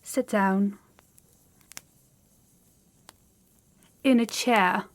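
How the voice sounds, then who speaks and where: In a fantasy audio roleplay, a woman plays an imperious young princess. Her mid-pitched voice is deliberate and fairly even in intonation, carrying haughty condescension and an air of command.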